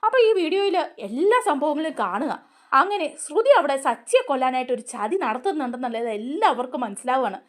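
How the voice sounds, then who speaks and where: A woman gives a chatty, animated recap of a TV serial episode. Her voice sits high and swings widely as she tells the story. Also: fast. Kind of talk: casual retelling of a TV serial episode.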